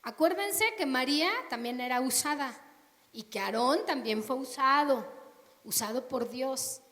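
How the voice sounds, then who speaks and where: High-voiced woman preaching. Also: unhurried. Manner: animated storytelling with rhetorical questions. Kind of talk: sermon. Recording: long reverb of a hall.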